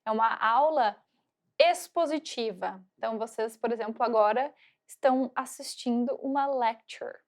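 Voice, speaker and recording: High-voiced woman teaching English. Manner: slow drawn-out repeated pronunciation drills; frequent check-ins with "tá?" and "ok?". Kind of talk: recorded online lecture.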